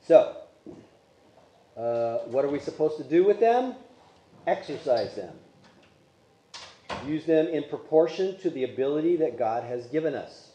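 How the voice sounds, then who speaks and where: A man whose voice is on the high side, mellow and expressive, speaks a little slowly and pauses often as he teaches a Sunday school Bible class. Polish is his first language, and he converses with the class, asking them questions. The echoey church classroom recording has slight background noise.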